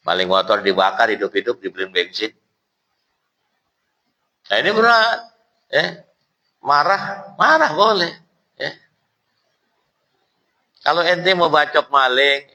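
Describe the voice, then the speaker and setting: A man's voice: mid-range voice, poor audio. A male preacher, giving a casual, jokey sermon at a mosque study circle. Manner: lively, jokey, colloquial, acts out quotes.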